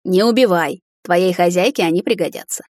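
A woman's voice: lowish voice, brisk, a little mellow, dry recording, natural voice. A woman voicing a scornful, haughty young female witch in an audiobook, speaking in a mocking, sneering manner. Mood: cold.

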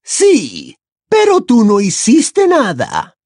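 A man voicing a fanatical, quick-tempered woman in an audiobook, with a high, strained, accusing voice. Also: very animated, darkish tone, no room sound, studio quality, heavily acted. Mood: furious. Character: shrill, scornful adult woman, fanatical and quick to anger. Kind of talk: audiobook character voice.

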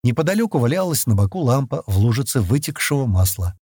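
Husky male audiobook narrator, lively. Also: mid-range voice, fast talker, no echo, clean studio sound. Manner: expressive storytelling. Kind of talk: scripted fantasy narration.

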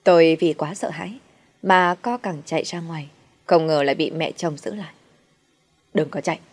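A woman's voice: low-pitched, normal speed. A young woman narrating her own story in the first person, somber and emotional.

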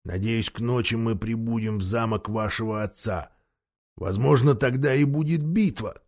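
A man voicing a gruff, stubborn older male dwarf in a storybook reading. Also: mid-range voice, moderate pace, darkish tone, pitched below the performer's own voice, lightly acted. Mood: stern.

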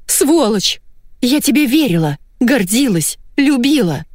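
A woman's voice: medium pitch, big pitch swings, moderate pace, darkish tone, no room sound, studio quality, voice pushed up. A woman reading an audiobook, voicing a hysterical, jealous wife who shrieks and sobs her accusations.

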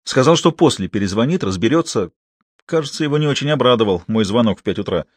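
A man voicing a hot-tempered middle-aged hospital deputy chief who shouts and bosses people around. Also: mid-range voice, quick pace, no room sound, natural voice. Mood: grumbling. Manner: shouting, excitable, bossy.

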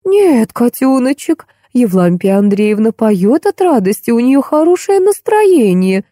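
A woman's voice: on the high side, sing-song, measured pace, mellow, no room sound, studio quality, voice pushed up. A woman voicing a fussy, soothing older nanny in an audiobook. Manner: fussing, soothing.

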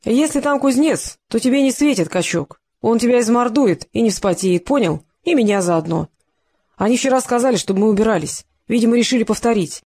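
A woman's voice: fairly high pitch, expressive, brisk, a little mellow, no echo, studio quality, pitched above the performer's own voice. A woman voicing a frightened, beaten-up man who talks nervously without stopping. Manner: rattled, nonstop nervous talk.

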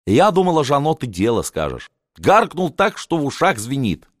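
A man's voice: medium pitch, huge pitch swings, normal speed, dry recording, studio quality, pitched above the performer's own voice. A man reading an audiobook, voicing a tipsy, mocking young tsarevna in a raised, playful voice. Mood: teasing. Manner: teasing, playful.

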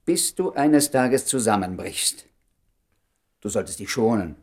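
In a German radio play, a male actor voices a concerned doctor who is a familiar friend, delivering his lines in a dry, measured, understated way. His natural, medium-pitched voice is expressive with a darkish tone.

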